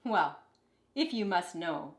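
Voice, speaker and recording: In an echoey, roomy recording, a woman with a lowish voice reads a picture book for children. Her delivery is expressive and deliberate, like a storyteller's.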